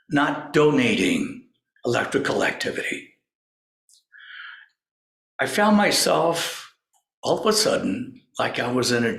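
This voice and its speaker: A man slowly telling a personal story, pausing often and acting out what others said. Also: mid-range voice, gravelly, fairly bright tone, reverberant, rough recording. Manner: slow, halting storyteller who acts out quoted voices. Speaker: spiritual speaker. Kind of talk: storytelling talk.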